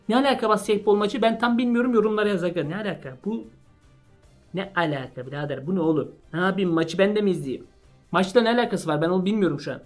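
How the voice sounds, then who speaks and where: Young male vlogger, excitable and jokey, casual slangy delivery to camera. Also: high voice. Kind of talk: casual parody chat to camera.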